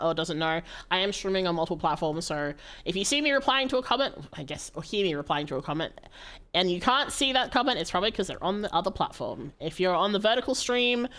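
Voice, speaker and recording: Hosting a gaming livestream, this woman talks informally with her audience in a voice on the lower side. Her manner is lively and theatrically playful, full of exclamations and pleas.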